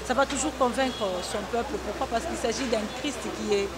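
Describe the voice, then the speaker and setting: A woman gospel singer raised on the Congo-Zambia border gives earnest, testimonial answers in a talk show interview, restarting hesitantly. Her voice is fairly high and steady and fairly quick, over a loud crowd in a noisy broadcast recording.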